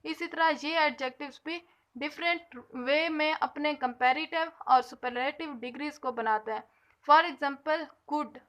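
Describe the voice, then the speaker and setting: Woman, high voice, patient grammar teacher, drawn-out example words. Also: fairly bright tone. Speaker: English teacher. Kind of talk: grammar lesson explanation.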